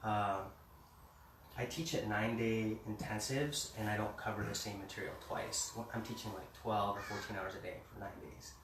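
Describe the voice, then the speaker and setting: A calm communication trainer from Mexico City, in his 40s, speaks in a lowish voice with a gentle, unhurried manner during a relaxed workshop talk, reading a poem slowly. He's in a meeting room with a live group, and the sound is roomy, distant and echoey with a faint hiss.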